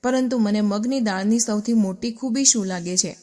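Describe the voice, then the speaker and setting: A woman's voice: medium pitch, moderate pace, warm tone, big-room sound. A woman narrating a scripted health explainer, asking rhetorical questions and then answering them. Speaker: health channel presenter.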